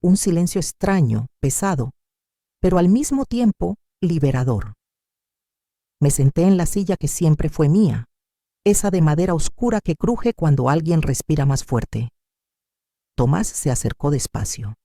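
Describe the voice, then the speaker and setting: A woman's voice: sits low, big pitch swings, unhurried, dark tone, no echo, clean studio sound. A woman narrating a first-person dramatic story as an elderly mother of seventy-five. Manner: dramatic, emotional reading. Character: woman of 75 telling her own story.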